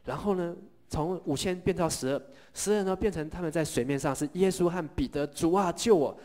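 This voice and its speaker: Pastor, lively storytelling sermon. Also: male voice, on the high side, fairly quick. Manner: lively storytelling, asks the congregation questions and leads them in repeating lines.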